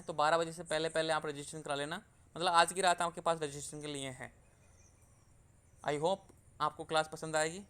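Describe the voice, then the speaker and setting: A man's voice: sits high, fairly bright tone, clean tone. A man from India giving an online class lecture, explaining step by step and repeating key terms with simple glosses. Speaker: online tutor.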